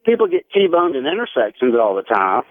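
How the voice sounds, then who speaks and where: Calling a radio show, an American man in his forties earnestly shares a personal story, keeping it conversational. He speaks in a mid-range, sing-song voice at a fairly quick clip. The telephone audio is thin and tinny but has no echo.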